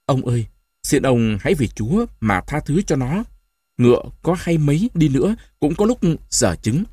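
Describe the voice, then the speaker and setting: A gentle old grandmother, voiced by a male narrator who pleads softly and earnestly. She speaks with lively pitch and a soothing tone. The storybook recording is close and dry. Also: moderate pace, slightly rough, dry recording. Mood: pleading.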